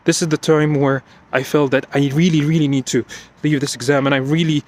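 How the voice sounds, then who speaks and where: A man's voice: a little high, steady tone, brisk, darkish tone. A man telling a story while walking outdoors, out of breath, emotional and repetitive, often restarting his sentences. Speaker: vlogger recounting an exam. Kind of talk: unscripted personal vlog.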